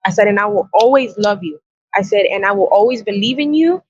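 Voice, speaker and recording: A woman appears as a podcast guest, telling a personal story in a mid-range, breathy voice at a fairly quick clip. Her reported dialogue is blunt, earnest and profane. The lo-fi sound is dull and dry.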